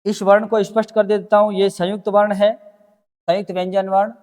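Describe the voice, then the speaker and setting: A man with a high voice teaching a grammar lesson. He explains each point step by step, putting questions to his students and answering them himself. A long reverb hangs on his voice from the room. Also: level tone, fairly quick, a little mellow.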